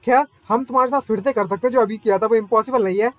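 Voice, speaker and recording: A man's voice: very high-pitched, rapid-fire, no room sound. A man voicing a cocky young male card fighter in a storybook recap, with a taunting manner.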